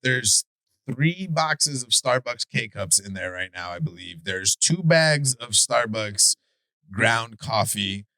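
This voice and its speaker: A man with a Chicago accent co-hosting a podcast in casual debate chat, animated and profane, stumbling and restarting his sentences. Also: on the low side, slow, dry recording. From Chicago area. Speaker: podcast co-host.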